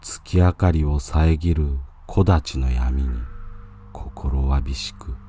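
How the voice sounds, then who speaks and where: A man narrating a scripted ghost story in a hushed, eerie, solemn manner. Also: a bass voice, takes it slowly, a little hiss or hum.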